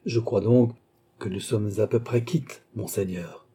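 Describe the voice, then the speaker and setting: A man reading a cold, composed count who calmly demands repayment, keeping a polite but unyielding manner. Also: fairly low pitch, measured pace, husky. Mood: cool. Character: icy, composed male count and sorcerer-creditor.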